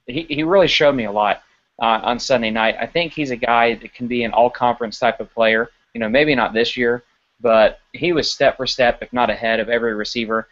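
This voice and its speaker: Male podcast co-host, casual game analysis, quick restarts, lo-fi audio. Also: mid-range voice. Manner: animated, stumbling restarts while analyzing. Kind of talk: casual sports podcast chat.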